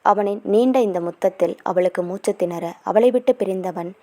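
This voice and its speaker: A woman's voice: medium pitch, normal speed, mellow. A woman narrating a romance novel as a story, reading all the characters' lines in her own voice with small shifts.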